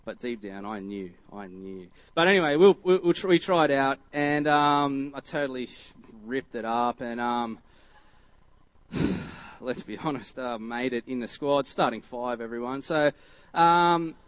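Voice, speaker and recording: A man with an Australian accent giving a relaxed, story-driven sermon to his church, rambling and chatty with many fillers and restarts. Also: medium pitch, a little slow, no room sound. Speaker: church speaker.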